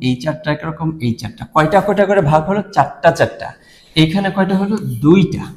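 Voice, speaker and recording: Male lecturer, Bangladeshi Bengali accent, slightly high voice, patient step-by-step explainer, reverberant room. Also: darkish tone. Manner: explains step by step, asking and answering his own questions. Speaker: teacher. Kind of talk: recorded lecture.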